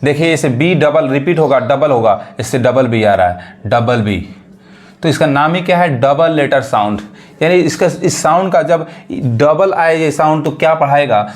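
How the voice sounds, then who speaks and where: A man teaching English phonics to beginners in a Hindi accent, asking questions and repeating each word slowly. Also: fairly high pitch.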